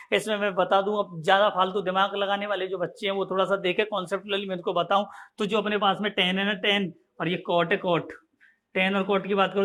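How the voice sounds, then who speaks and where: Man, high voice, teacher, repetitive drilling, classroom math lesson. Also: a bit bright. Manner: repetitive, drilling, addresses students as bhaiya and sahab.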